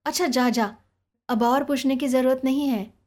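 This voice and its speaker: A proud, restrained young mistress of a house, read aloud by a woman narrator. She speaks curtly and sharply, and her voice sits fairly high. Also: normal speed, soft background music, close to an everyday voice. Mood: flustered. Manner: curt and sharp.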